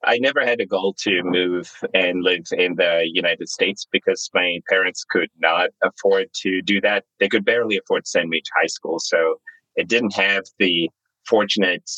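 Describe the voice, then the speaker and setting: Deep-voiced Zimbabwe-born founder in his thirties. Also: no room sound, poor audio. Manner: candid, relaxed, storytelling with fillers. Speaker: startup founder and CEO. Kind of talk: interview guest, storytelling.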